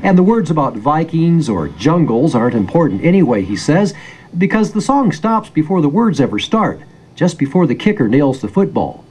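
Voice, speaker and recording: A man's voice: on the high side, big pitch swings, normal speed, a little mellow, slightly rough, rough recording. A man with an American accent narrating a scripted news feature as a public radio reporter, in a storytelling manner.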